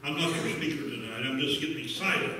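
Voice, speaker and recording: A man leads a church service in a high voice, fervent and exclamatory. He is recorded from a distance in a booming, echoey sanctuary. A congregation answers him throughout. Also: brisk, a crowd in the background. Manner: fervent, exclamatory, punctuated with hallelujahs. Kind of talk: spontaneous church exhortation and prayer. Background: congregation calling out responses.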